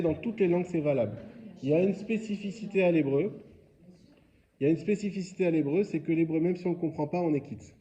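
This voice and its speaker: A man runs a religious class as a quiz, posing questions and then explaining the answers in a relaxed, conversational way. His voice sits a little high yet sounds mellow and warm. The recording is muffled and lo-fi. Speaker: rabbi teaching a class. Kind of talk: religious lesson quiz with students.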